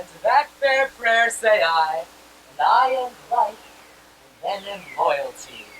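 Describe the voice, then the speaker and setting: Teen actor as a rash young male lover, Shakespearean verse, lively pitch, slow and bright. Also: a little hiss or hum, poor audio. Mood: tender. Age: teens. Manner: declaiming verse, swings from tender to fiery. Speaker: stage actor. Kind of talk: Shakespearean stage acting.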